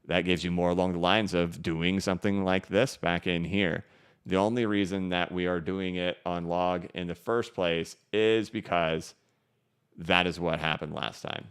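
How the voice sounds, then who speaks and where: On his crypto live stream, a man answers super chats and viewer messages in loose, rambling talk that keeps restarting. His voice is low-pitched and smooth with vocal fry, captured through a studio microphone.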